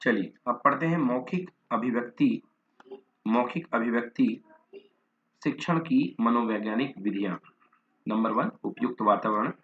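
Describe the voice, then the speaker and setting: A man's voice: mid-range voice, a little slow, pauses often, a little hiss or hum. A man teaching a lesson, reading notes aloud, listing terms one by one and sometimes repeating or correcting himself. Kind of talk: Hindi lecture reading from notes. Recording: dull lo-fi recording.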